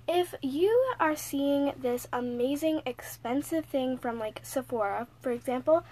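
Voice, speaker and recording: High-voiced teen girl chatting inside a closet. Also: a little slow, a little mellow, poor audio. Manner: giggly, chatty, teasing. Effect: recorded inside a small clothes-stuffed closet. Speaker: podcast co-host. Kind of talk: casual chat. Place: small closet full of clothes, indoors.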